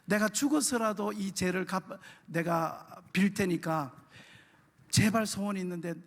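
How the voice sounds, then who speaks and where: A man's voice: sits high, unhurried, big-room sound. A man voicing a desperate young mother, pleading in a raised voice.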